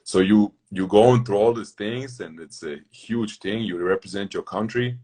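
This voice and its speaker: A young man from Germany, a basketball player, telling stories fast in loose, broken English as an interview guest. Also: lowish voice, dark tone. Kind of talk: casual interview storytelling.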